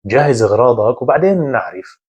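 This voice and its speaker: Man voicing an eager broke young guy, breezy, upbeat, husky. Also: mid-range voice, expressive, fast, a little mellow.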